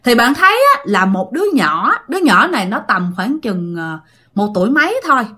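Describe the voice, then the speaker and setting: Southern Vietnamese woman, high voice, lively pitch, chatty dramatic ghost story telling. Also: normal speed, husky. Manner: chatty, dramatic, addresses listeners directly.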